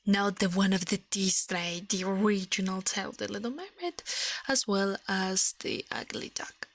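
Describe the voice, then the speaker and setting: On a soft ASMR livestream, a woman reads fables and chats in a gentle, breathy whisper, staying close to the mic. Her phrasing is slightly non-native, her voice is mid-range, and she talks at a normal speed.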